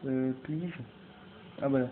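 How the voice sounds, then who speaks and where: A man giving excitable, swear-filled let's-play commentary, yelling and making mock threats at the game. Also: medium pitch, takes it slowly. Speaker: gamer. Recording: tinny lo-fi mic with faint hiss.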